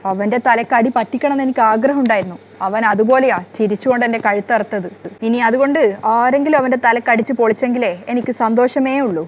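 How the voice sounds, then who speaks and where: A woman's voice: on the high side, fast talker, slight background noise, close to an everyday voice. A woman reading as a sly, lying young man. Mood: spiteful. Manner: mocking, defensive.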